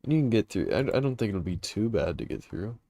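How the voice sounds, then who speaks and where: A man's voice: on the low side, big pitch swings, fast talker, gravelly, warm tone, no echo, clean studio sound. A young man hosting a gaming livestream, thinking aloud with many ums and uhs, sleepy and yawning as he plans routes and answers chat. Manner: hesitant, thinking aloud with many fillers, reads chat questions. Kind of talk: casual live commentary while playing.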